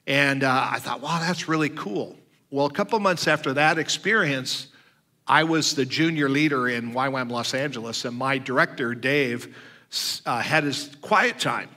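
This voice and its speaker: An older man preaching a sermon, telling stories with lively acted-out dialogue and frequent fillers. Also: mid-range voice, big-room sound. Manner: animated storyteller who acts out quoted dialogue. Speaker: guest preacher. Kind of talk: sermon storytelling.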